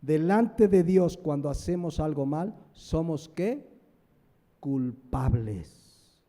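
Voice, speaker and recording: A man's voice: fairly high pitch, expressive, slow pace, warm tone, long reverb tail. A man with a Mexican Spanish accent preaching a sermon. He is emphatic and asks questions that he answers himself. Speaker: pastor. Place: church sanctuary.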